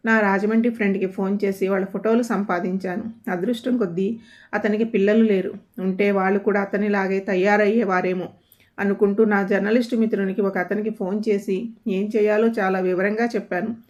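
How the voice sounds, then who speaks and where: A woman storyteller reading a family story aloud in a steady, somber scripted narration. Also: mid-range voice, fairly quick. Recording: dull lo-fi audio.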